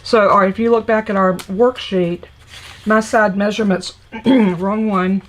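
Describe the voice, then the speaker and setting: In a live papercraft tutorial, a woman talks through each step of her project while working, in a chatty way. Her medium-pitched voice sounds scratchy and congested, with a steady tone and measured pace.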